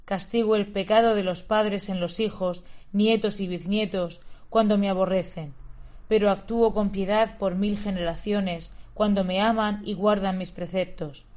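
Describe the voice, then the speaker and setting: Woman reading out scripture at prayer, calm and even, middle voice. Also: mid-range voice. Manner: steady, measured reading. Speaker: lector.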